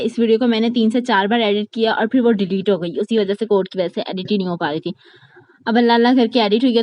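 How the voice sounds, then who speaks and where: A young woman with a Karachi Urdu accent, narrating a casual vlog in a fast, chatty way and laughing often. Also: medium pitch, a little mellow, no echo. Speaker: vlogger.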